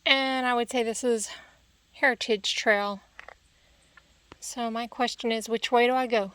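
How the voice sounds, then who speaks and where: A woman's voice: a little high, fairly even intonation, unhurried, a bit bright, smooth, low-quality recording. A woman vlogger giving casual travel narration, musing aloud in short fragments as she hikes.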